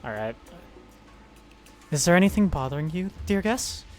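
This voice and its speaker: A man voicing a humble, fussy game servant in a soft, low-key read. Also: sing-song, moderate pace, soft background music. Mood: fawning. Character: humble, fussy servant of ambiguous sex, the sort who ticks like a clock. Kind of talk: reading game dialogue aloud on a stream.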